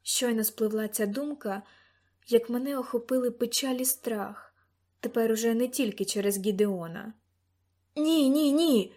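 Woman narrating an audiobook, slightly high voice. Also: fairly even intonation, moderate pace, darkish tone. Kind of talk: scripted first-person narration.

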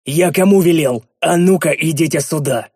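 Brief: man playing gruff storybook leader, barking orders, stern. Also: medium pitch, fairly quick, darkish tone, no echo, clean studio sound, lightly acted. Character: gruff male leader, quick-tempered then easing.

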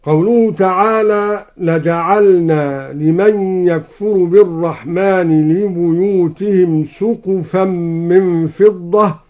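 Slow, high-voiced man chanting scripture. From Egypt. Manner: alternates plain explanation with slow melodic chanting. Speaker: Quran recitation presenter. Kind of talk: explaining and chanting Quran readings. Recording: dull old radio recording.

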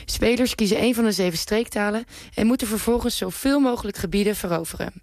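A woman radio reporter giving scripted narration in a clear, even reading voice. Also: mid-range voice, fast talker, no echo.

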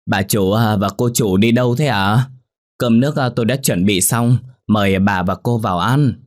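A man's voice: on the low side, normal speed, no room sound, studio quality, close to an everyday voice. A man voicing an older female servant who is bitter and outspoken, gossiping with scorn in a ghost story. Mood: polite.

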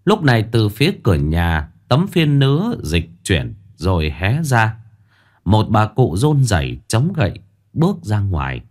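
A man narrating a ghost story in an expressive storytelling manner. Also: lowish voice, unhurried.

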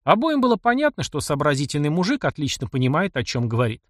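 A man reading a novel aloud as the audiobook narrator, with an expressive reading style. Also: on the high side, quick pace, no echo, studio quality. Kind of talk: scripted narration.

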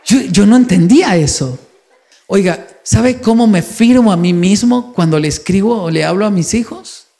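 A man's voice: sits high, moderate pace, creaky. Middle-aged man telling heartfelt stories. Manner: warm storytelling, emphatic repetitions, chuckles. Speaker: conference speaker. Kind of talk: heartfelt conference talk.

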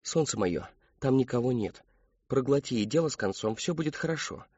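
A man's voice: mid-range voice, expressive, brisk, darkish tone, slightly rough, no echo, highs cut off, voice pushed up. A man doing an anxious worn-out mother. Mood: coaxing. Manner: coaxing, strained.

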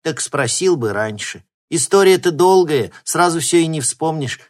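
A man voicing a fussy, talkative old grandmother in an audiobook, raising his voice high and bright for her. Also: animated, moderate pace, close to an everyday voice. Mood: promising. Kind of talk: audiobook reading.

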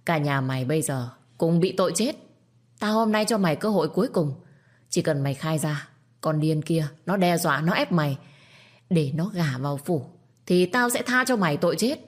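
A domineering old matriarch who gives harsh orders and threats to her servants, as a woman narrator puts her on. Her voice sits low and hard, swelling when she presses. It comes from a spoken storytelling recording. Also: lively intonation, moderate pace. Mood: threatening. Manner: menacing, commanding, later placating. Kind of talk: storytelling with acted dialogue.

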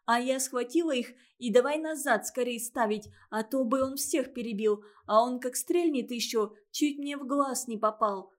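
A woman's voice: on the high side, close to an everyday voice. A woman doing a sly chattering little girl. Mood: wheedling. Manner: fast sly wheedling chatter.

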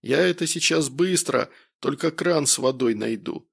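A man's voice: mid-range voice, normal speed, gravelly, fairly bright tone, husky. A man voicing a brash, hard-drinking middle-aged man with a blunt, boisterous way of talking, in an audiobook.

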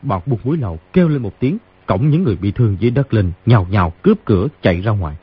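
A man's voice: on the low side, expressive, racing, breathy edge. A man narrating a martial-arts novel as an audiobook, telling the action vividly. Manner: vivid storyteller delivery. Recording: dull lo-fi audiobook recording.

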